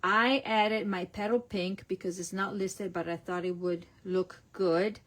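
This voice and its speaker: A middle-aged Italian woman with an Italian accent demonstrates crafts in a casual online class, chatting through stamping and card-making as she works. Her mid-range, slightly bright voice keeps fairly even intonation at a measured pace. She narrates every step and corrects herself along the way.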